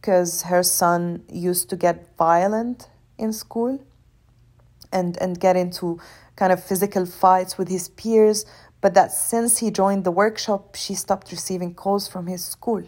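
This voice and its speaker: A young adult Syrian actress, whose first language is Arabic, earnestly tells her story as an interview guest, often repeating words while searching for them. Her lowish voice is a little mellow, with fairly even intonation and a measured pace.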